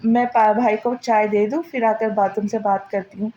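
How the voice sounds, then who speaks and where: Woman reading as a gentle coaxing young wife. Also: mid-range voice, fairly even intonation, moderate pace, muffled recording, a little hiss or hum, close to an everyday voice. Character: loving young wife and sister-in-law.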